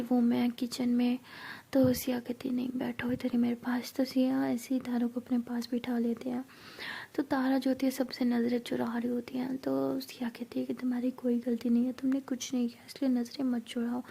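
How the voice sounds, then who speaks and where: A woman narrating a love story in a soft, casual, half-whispered storytelling manner. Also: a little high, gravelly, breathy edge.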